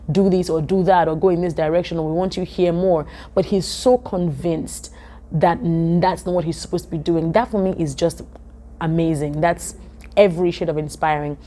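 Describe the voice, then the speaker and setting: Chatty woman vlogging. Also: on the low side. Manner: chatty, animated, with many "um"s. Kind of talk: casual talk to camera. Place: office.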